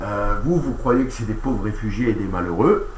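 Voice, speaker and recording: A man's voice: on the low side, animated, moderate pace, darkish tone, a little hiss or hum. Earnest man ranting in an echoey room. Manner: earnest, repetitive, addresses the president directly. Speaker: online commentator. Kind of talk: casual monologue reacting to a radio clip. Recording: roomy echo.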